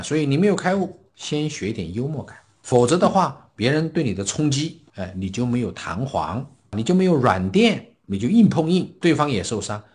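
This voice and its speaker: A man giving a Buddhist dharma talk, explaining scripture and telling stories, often acting out the people he quotes. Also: mid-range voice. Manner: storytelling, acting out quoted speakers with lively swings. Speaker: Buddhist teacher.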